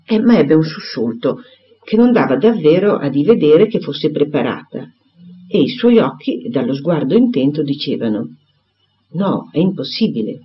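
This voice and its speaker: Husky guy reading a classic novel out loud, bit higher voice, muffled recording. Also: big pitch swings, normal speed. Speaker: audiobook narrator. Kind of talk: scripted narration of a classic novel. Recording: dull lo-fi recording.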